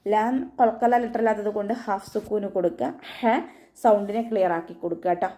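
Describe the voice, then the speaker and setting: A woman teaching Quran recitation rules in an online tajweed lesson, giving calm step-by-step instructions and often checking in with her listeners. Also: mid-range voice. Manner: calm step-by-step instruction with frequent tag questions.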